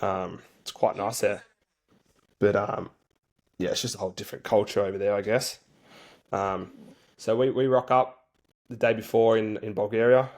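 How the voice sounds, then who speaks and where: A man's voice: lowish voice, fairly even intonation, normal speed, vocal fry, pauses often, darkish tone. A man speaking as an interview guest, telling stories in a laid-back, colloquial way with plenty of slang. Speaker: interview guest, rugby league player for a national team. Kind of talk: casual interview storytelling.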